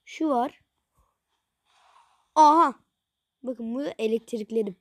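A woman giving playful, excitable commentary on her gameplay and talking to viewers, her voice a little off from being unwell. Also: on the high side, a little slow. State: slightly ill, voice a little changed. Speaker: gaming video creator.

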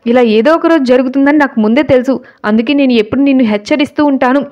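A woman's voice: sits high, fast talker, darkish tone, dull audio, natural voice. A woman voicing a village gossip who scolds in a told-you-so way. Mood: scolding.

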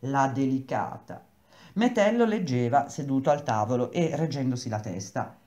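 A woman reading a novel aloud, acting out the dialogue with lively shifts in pitch. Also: normal speed. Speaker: reader. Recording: echoey room.

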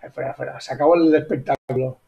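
A man giving casual gameplay commentary, excitable, repeating exclamations and squealing high when amazed. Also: fast talker, vocal fry. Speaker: gaming YouTuber.

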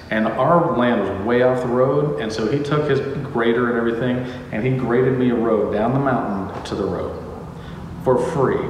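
A man with a fairly low voice explains house building and flooring in a joking, meandering way, filming himself as a home builder vlogger. He's in a bare house under construction, the mic sits far off in the echoey empty room, and there's a little hiss or hum.

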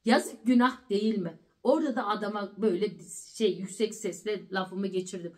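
A woman's voice: mid-range voice, normal speed, a little mellow. A middle-aged woman vlogger telling a story casually and with animation, repeating words for emphasis. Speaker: family vlogger.

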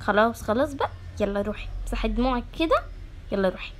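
A woman with an Egyptian Arabic accent voicing a calm, motherly female school principal in an animated doll-game story, consoling in a lowered, soft voice. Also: racing, slight background noise. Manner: soothing and motherly, with a firm edge.

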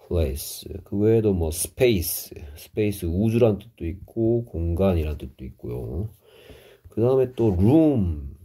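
Male English teacher, middle-aged, deep, dark, husky tone, slow patient explanations. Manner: slow, explanatory, with Korean glosses of English words. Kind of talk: vocabulary lesson.

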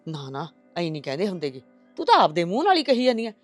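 An actress playing a stubborn mother-in-law who wants a grandson, with a loud scolding Punjabi way of talking. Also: lowish voice, sing-song, racing, faint music behind. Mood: coaxing. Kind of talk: village family drama acting.

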